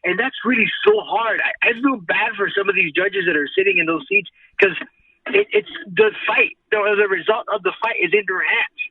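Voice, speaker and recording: A man's voice: high voice, normal speed, slightly rough, no echo. A man giving earnest opinions as a guest in a casual sports interview, heard over a remote call. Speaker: guest, ring announcer. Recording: tinny, distant phone-like line.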